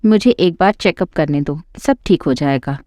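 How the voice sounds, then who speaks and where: A woman's voice: low-pitched, moderate pace, mellow, no room sound, studio quality, lightly acted. A woman voicing a patient, polite young daughter-in-law studying to be a doctor. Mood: meek. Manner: meek, polite.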